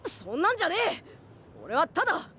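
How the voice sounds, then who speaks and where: A woman voicing a proud, hot-tempered young boy with a husky voice and rough boyish speech. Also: fairly high pitch, very animated, normal speed, slight background noise. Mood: defiant. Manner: rough boyish speech, shouting when upset. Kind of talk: anime film dub acting.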